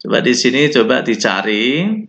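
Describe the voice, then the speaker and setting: A man with an Indonesian accent teaching an Arabic lesson, reading Arabic phrases and explaining them slowly. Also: medium pitch, animated, a bit bright. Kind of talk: recorded online lesson. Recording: dull lo-fi recording.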